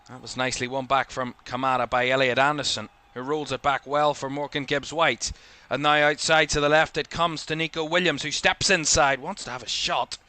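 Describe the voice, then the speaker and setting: A young man with a Northern Irish accent calls a football match live, in bright, forward tones. His play-by-play comes fast and jumps up in pitch when an attack builds, then settles back into steady, mid-pitched analysis between plays. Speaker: football commentator. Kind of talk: live watchalong match commentary.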